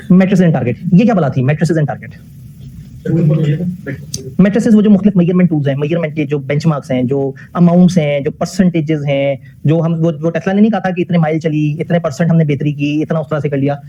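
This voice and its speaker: A man's voice: a little high, fast, mellow, dull audio. A man giving a classroom lecture. He puts questions to the class, answers them himself, and mixes English technical phrases into his talk.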